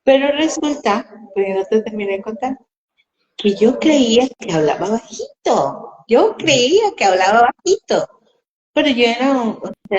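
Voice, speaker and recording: A woman's voice: medium pitch, creaky. A woman telling personal stories in a casual live conversation, acting out quoted dialogue. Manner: animated storytelling, acts out quoted dialogue. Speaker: host. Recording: echoey room.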